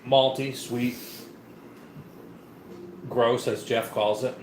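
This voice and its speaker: A man's voice: medium pitch, fairly even intonation, very slow. A man co-hosting a live beer review show, chatting casually and rambling with many fillers and restarts. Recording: echoey room with faint noise.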